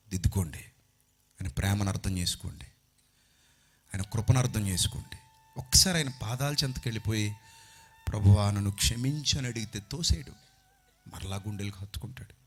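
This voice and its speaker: A man preaching a sermon into a handheld mic on stage, impassioned, swinging from loud outbursts to hushed pleading. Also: on the low side, fairly quick, long pauses.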